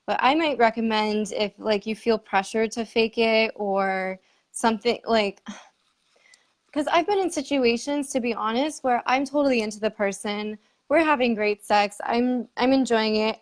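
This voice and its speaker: A woman's voice: a little high, normal speed. A woman hosting a conversational interview, speaking candidly with frequent laughs and fillers. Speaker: podcast host. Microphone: remote live stream.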